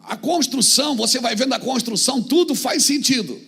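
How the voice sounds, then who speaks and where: A male pastor, preaching in a very high, gravelly, husky voice. He shifts from calm, explaining talk to fervent shouts and keeps calling out to his congregation. Faint music plays behind him. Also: a little fast. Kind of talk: sermon.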